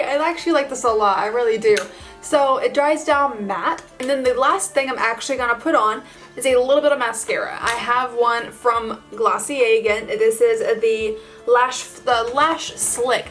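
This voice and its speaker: A woman's voice: a little high, normal speed, fairly bright tone, faint music behind. A woman vlogger talking casually to her viewers in a bubbly, gushing, informal way, as in a makeup tutorial. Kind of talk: casual chatty vlog tutorial addressed to viewers.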